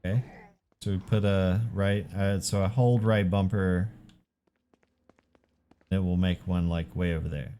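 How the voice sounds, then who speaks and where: A man's voice: deep voice, steady tone, measured pace, pauses often, dark tone, a little hiss or hum. A laid-back man casually commenting while playing a video game, chatty and swearing freely. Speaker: gaming channel host. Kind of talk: casual let's-play commentary. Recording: commentary over game audio with faint music.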